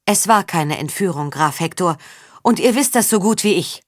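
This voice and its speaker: A woman's voice: on the low side, lively intonation, moderate pace, no room sound, clean studio sound. A woman voicing a fierce young noblewoman. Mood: defiant. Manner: sharp, authoritative.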